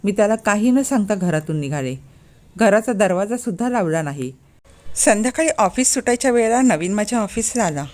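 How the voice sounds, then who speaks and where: Woman, storyteller, mellow warm tone, expressive first-person narration. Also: mid-range voice, fairly quick. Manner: expressive, lightly acts out quoted lines.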